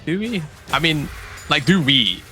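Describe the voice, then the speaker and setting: Animated bright-voiced male esports caster. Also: on the high side. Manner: fast, animated, laughs often. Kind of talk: play-by-play commentary and banter. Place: caster desk, studio. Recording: faint music behind.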